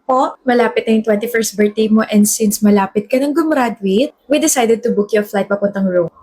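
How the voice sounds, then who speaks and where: A woman playing a caring mother, speaking gently to her grown daughter in a comedy skit. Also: on the high side, normal speed, a little hiss or hum, voice pushed down, natural voice. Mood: fond.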